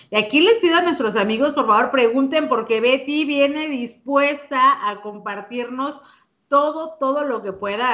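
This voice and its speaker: A woman's voice: fairly high pitch, a bit bright, muffled recording. A woman hosting a parenting radio show, asking reflective, guiding questions. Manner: reflective, asks guided questions. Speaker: radio host. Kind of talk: radio interview.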